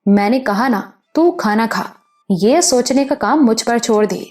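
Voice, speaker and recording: A woman's voice: fairly high pitch, lively intonation, a little mellow, natural voice. A woman voicing an older motherly village woman who scolds with affection, in an audiobook. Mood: scolding. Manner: scolding yet affectionate, rustic speech. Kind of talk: audiobook character voice.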